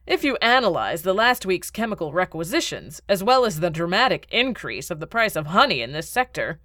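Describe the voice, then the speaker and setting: A woman voicing a scheming, contemptuous middle-aged male baron with a measured, condescending delivery. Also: high voice, big pitch swings, sharp tone, dry recording, studio quality, exaggerated voice. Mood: cold.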